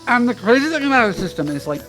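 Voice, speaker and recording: A man's voice: very high-pitched, sing-song, rapid-fire, fairly bright tone, soft background music. A man in a casual chat, eagerly explaining the rules of a tabletop game at length.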